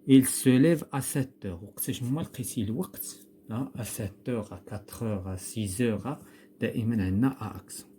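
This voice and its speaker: Male teacher with a Moroccan accent, mellow tone, patient, spells words out and quizzes his pupil. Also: on the low side, fast, a little hiss or hum. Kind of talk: recorded classroom grammar lesson.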